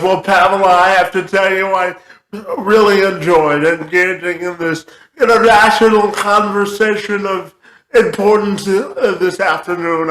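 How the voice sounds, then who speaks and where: High-voiced man hosting, echoey room. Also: fairly bright tone. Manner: halting, many fillers. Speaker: interview host. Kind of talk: interview questions.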